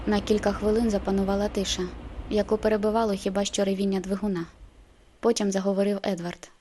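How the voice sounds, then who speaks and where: Brief: woman audiobook narrator, warm low-key tone, measured first-person reading. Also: little pitch movement, slight background noise.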